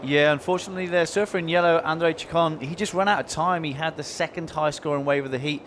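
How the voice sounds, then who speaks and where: A man's voice: on the high side, fairly even intonation, quick pace, a bit bright, slight background noise. A man giving conversational live surfing analysis in a laid-back, informal way. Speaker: surfing colour commentator.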